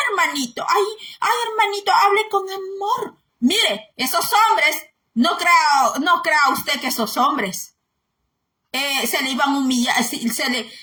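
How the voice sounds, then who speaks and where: A woman delivers a fervent sermon. She repeats words for emphasis and slips into sing-song mockery of others. Her voice is high and bright, and the room around her echoes. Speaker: preacher.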